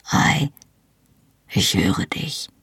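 A woman reading the part of a young male Scottish highlander, grave and resigned, speaking quietly and slowly. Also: lively intonation, creaky, breathy edge, dry recording, clean studio sound, exaggerated voice. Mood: hushed.

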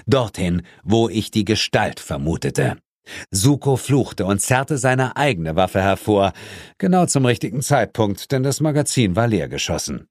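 A man narrating an audiobook in an expressive, dramatic first-person style, recorded close in a studio. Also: fairly low pitch, no echo.

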